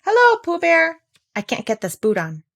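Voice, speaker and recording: A woman's voice: very high voice, huge pitch swings, vocal fry, fairly bright tone, voice pushed up, heavily acted. A woman doing a bossy little boy. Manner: brisk and knowing.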